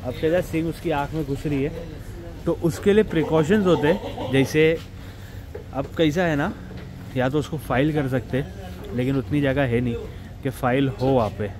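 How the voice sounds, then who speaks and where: A man's fairly high voice, at normal speed, comes through with a crowd audible behind him. Chatty and speaking directly to viewers, he narrates a casual vlog explaining goat farm work step by step, outdoors on a farm and a street. He uses a clip-on mic after setup, and street traffic makes it noisy.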